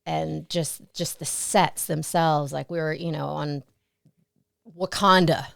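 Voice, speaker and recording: A woman's voice: sits low, steady tone, takes it slowly, creaky, no echo, clean studio sound. A woman guest in an interview, reflecting on her career in a casual storytelling way and often laughing. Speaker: interview guest, stunt performer and actress.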